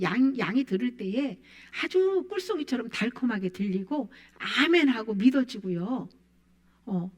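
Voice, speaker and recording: A woman preaching a sermon, quoting scripture with emphatic rises and falls. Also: a little high. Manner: emphatic, rising and falling preaching voice.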